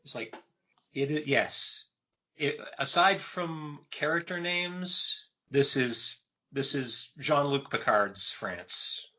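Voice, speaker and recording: Slow, bright-voiced man in his fifties. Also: on the high side. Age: 50s. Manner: measured, thoughtful, with frequent uh pauses. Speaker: podcast host. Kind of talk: casual film discussion. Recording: dull lo-fi podcast audio.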